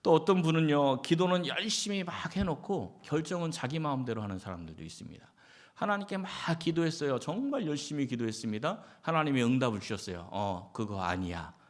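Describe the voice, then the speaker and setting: A man's voice: on the high side, big pitch swings, fairly quick. A male pastor giving a Sunday sermon in a conversational way, asking the congregation questions and acting out short quotes. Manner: conversational preaching with acted quotes and rhetorical questions.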